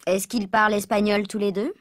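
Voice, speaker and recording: A woman reading a scripted textbook dialogue with a clear, questioning delivery. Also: mid-range voice, little pitch movement, brisk, no room sound, studio quality.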